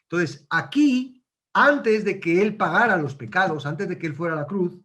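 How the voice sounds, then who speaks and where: A man's voice: sits high, lively intonation, normal speed, bright, forceful tone. A man teaching a casual Bible study, conversational, asking questions and acting out quotes.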